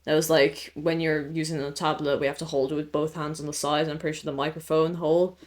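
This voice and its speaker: A man co-hosting a podcast in relaxed, casual chat, laughing often and using lots of fillers. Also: on the high side, fast talker. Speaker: podcast co-host.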